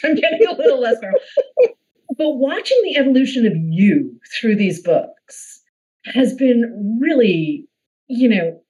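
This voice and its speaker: A middle-aged woman from the Boston area hosting a podcast interview, chatty and quick to laugh, with rambling asides. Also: lowish voice, a little mellow, poor audio. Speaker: podcast host. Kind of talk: casual interview chat.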